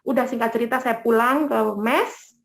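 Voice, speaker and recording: A woman with a high-pitched voice gives an emotional personal testimony to an interviewer. She tells her story in a lively way and acts out what other people said. Her voice rings in a roomy, echoing space. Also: normal speed. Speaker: guest giving a conversion testimony.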